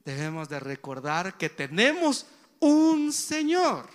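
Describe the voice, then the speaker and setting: A man's voice: sits high, wildly swooping pitch, takes it slowly, in a large hall. A man preaching a sermon in a church, often addressing the congregation as brothers and putting direct questions to them. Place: church hall.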